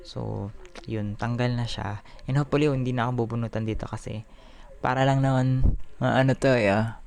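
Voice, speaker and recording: A Filipino vlogger chatting casually in Taglish, giggly and animated, talking with missing front teeth. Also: mid-range voice, normal speed, vocal fry. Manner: talks with missing front teeth after an extraction; Taglish, mixing English phrases into Tagalog. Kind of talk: casual chatty daily vlog.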